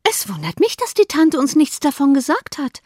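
A woman reading an audiobook, voicing a giddy, excitable teenage girl with shrill, eager exclamations. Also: moderate pace, no echo, clean studio sound. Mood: excited. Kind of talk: audiobook character voice.

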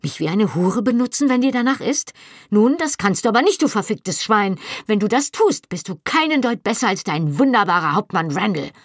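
A reader voicing a defiant young wife who shouts back at her husband in outrage. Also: on the low side, animated, slow pace, breathy edge, no echo, clean studio sound, exaggerated voice. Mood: furious.

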